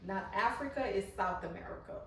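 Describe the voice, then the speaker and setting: A Guyanese woman with a mid-range, fairly bright voice talks a little fast and expressively while casually showing how she makes candles in her home garage. She's chatty and loosely repeats herself as she works. The mic sits far off in the echoey garage, with passing cars and lawn mowing in the background.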